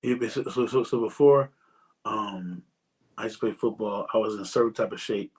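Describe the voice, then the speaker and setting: A man in his forties hosts a casual podcast chat, his voice lowish, husky and darkish in tone, moving a little fast. He rambles and repeats words as he works his way toward his point.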